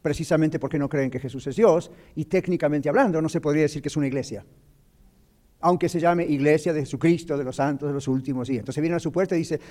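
Radio host, male, mellow and dark-toned, teaching scripture in an explanatory, preaching manner. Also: a little high, fast talker. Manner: explanatory, preacherly, mixes English words. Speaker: radio show host, doctor. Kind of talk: radio talk on Bible teaching.

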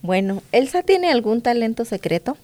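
A woman's voice: a little high, very animated, moderate pace, darkish tone. A woman interviewing a guest, answering with short, encouraging interjections.

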